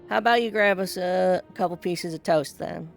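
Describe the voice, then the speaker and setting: Someone acting as teasing soldier, wry, creaky gravelly voice, conversational role-play, faint music. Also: medium pitch, normal speed, natural voice. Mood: calling out. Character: wry, teasing soldier on watch who likes drinking.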